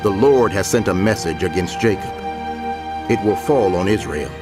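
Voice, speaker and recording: A man giving a solemn, declamatory dramatized scripture reading with deliberate pauses. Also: low-pitched, lively intonation. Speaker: scripture narrator. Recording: music bed under the voice. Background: background music.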